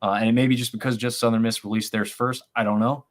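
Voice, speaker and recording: A man co-hosting a live-streamed college football talk show, talking in an animated, rambling way with many restarts over a remote call setup. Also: mid-range voice, quick pace. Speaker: sports podcast co-host. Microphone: remote video-call stream.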